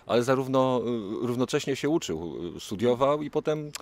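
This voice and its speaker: A middle-aged radio reporter asking long, rambling questions with repetitions, outdoors at a stadium into a handheld mic. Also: male voice, medium pitch, animated, a little fast. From Poland. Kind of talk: interviewing.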